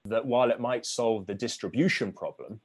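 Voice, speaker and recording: A man, an author being interviewed, explaining his ideas in a measured way with frequent restarts. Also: fairly low pitch, husky. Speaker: author guest.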